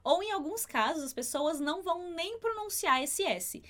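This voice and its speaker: Woman, high voice, patient teacher of Spanish pronunciation, clear and unhurried when modeling sounds. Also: animated, a bit bright. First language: Portuguese. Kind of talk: online language lesson.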